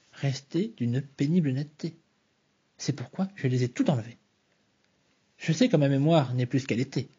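A man reads a novel aloud in a soft, measured voice. His tone is dark and very husky. The home recording sounds slightly dull. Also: medium pitch. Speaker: reader.

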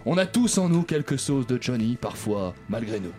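A man delivering a sarcastic comic column on a radio panel show, mocking and quick. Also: mid-range voice, sing-song, darkish tone, soft background music.

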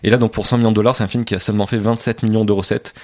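Fast-talking low-voiced man, dry. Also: flat delivery, a little mellow, no echo. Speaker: film critic. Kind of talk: casual film discussion.

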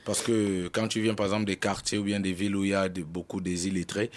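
A man, a guest rap artist in a radio studio interview, explaining with lively street-slang examples. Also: sits low, fast talker. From Cameroon.

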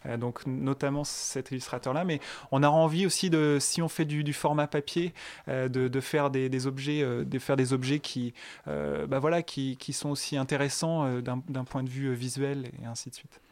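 A man's voice: mid-range voice, fairly even intonation, moderate pace, a little mellow. Hesitant man with many fillers. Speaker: guest, app creator. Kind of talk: radio interview answers.

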